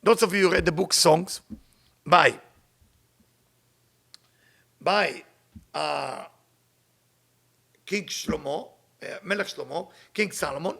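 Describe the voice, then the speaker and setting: His voice sits high, creaky and fairly bright as he gives a casual spiritual talk. He is a Kabbalah teacher with an Israeli accent who tells stories and repeats phrases for emphasis. Any Hebrew text he reads comes out as rapid recitation.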